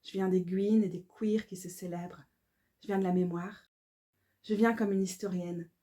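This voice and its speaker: A woman reads her own devotional verse in a calm, measured, incantatory way. Her voice is mellow and warm, and her pitch sits in the middle. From Belgium. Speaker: author reading her own book. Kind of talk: devotional poetry reading.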